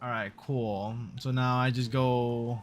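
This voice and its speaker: A man's voice: medium pitch, level tone, slow, a little hiss or hum. Laid-back young man thinking aloud. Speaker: streamer. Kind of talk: casual gameplay commentary. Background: game music.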